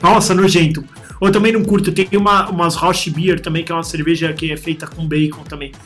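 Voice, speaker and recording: A man, chatting casually as a podcast co-host and telling animated, slangy jokes. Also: fairly high pitch, fairly quick, soft background music. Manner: animated joking storyteller, heavy slang. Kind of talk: casual chat.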